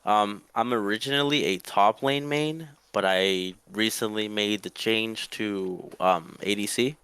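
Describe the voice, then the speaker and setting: Young guy from mexico chatting with his coach, polite and upbeat, lowish voice but bright, dry close mic. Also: a little slow, clean tone, no room sound. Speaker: student player. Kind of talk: casual chat.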